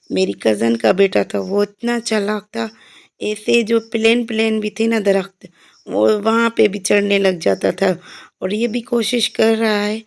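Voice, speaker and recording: A young woman talks through her vlog footage in a relaxed, rambling voice-over. Her voice is low in melody and has a creaky, gravelly edge, and she pads her sentences with easy fillers. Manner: chatty, meandering, frequent fillers. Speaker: vlogger. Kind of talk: casual vlog voice-over narration.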